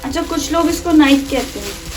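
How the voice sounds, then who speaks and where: A woman's voice: high voice, normal speed, far from the mic. A young woman, the vlogger's younger sister, giving short giggly replies in casual chat. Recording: off-mic with music behind.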